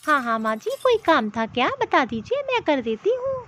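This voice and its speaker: A woman's voice: high-pitched, sing-song, normal speed, fairly bright tone, a little hiss or hum. A woman voicing a polite, obliging young daughter-in-law in a cartoon, speaking sweetly and respectfully. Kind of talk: Hindi cartoon voice acting.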